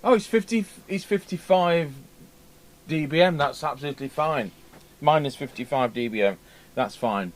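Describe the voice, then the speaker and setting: Thinking aloud and muttering as he works, a radio repair technician gives a casual hands-on demonstration at an indoor workbench. He speaks at a moderate pace in a fairly high-pitched voice, against clearly audible workshop ambience.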